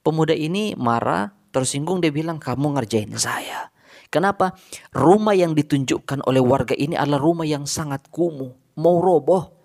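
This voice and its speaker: A man telling a religious story in short phrases, with sudden rises in pitch. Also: normal speed, creaky, darkish tone.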